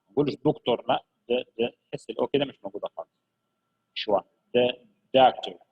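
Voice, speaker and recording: A man leads a children's English lesson in a gravelly, slightly husky voice. He coaxes his pupils along, drawing each word out and saying it again and again. The recording sounds dull and lo-fi. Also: medium pitch. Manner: lively, coaxing, repeats words slowly for pupils. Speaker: English teacher.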